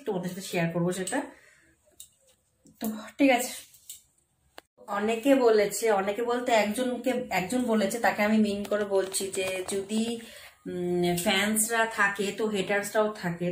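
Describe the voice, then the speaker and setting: A young woman, talking to her viewers in a casual phone vlog from home, earnest and a little repetitive. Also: mid-range voice. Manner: earnest, speaks straight to viewers, repeats herself. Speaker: vlogger. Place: room at home. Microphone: phone camera. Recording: roomy echo with faint background hiss.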